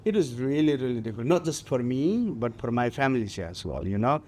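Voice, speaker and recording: A man in his forties from Nepal, speaking with a Nepali accent, talking haltingly with many fillers as a guest on a festival stage interview. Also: mid-range voice, sing-song, a little mellow, slight background noise. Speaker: guest mountaineer.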